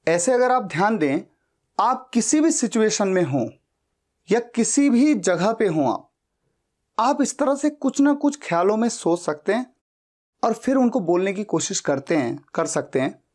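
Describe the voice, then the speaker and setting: A young man whose first language is Hindi teaching spoken English, explaining in Hindi and saying each English sentence slowly and carefully. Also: high voice, expressive, darkish tone.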